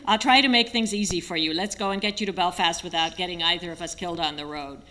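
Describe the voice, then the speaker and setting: A woman's voice: on the low side, fast talker, sharp tone. A woman reading aloud, voicing a hearty, friendly male local fixer. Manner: hearty, reassuring.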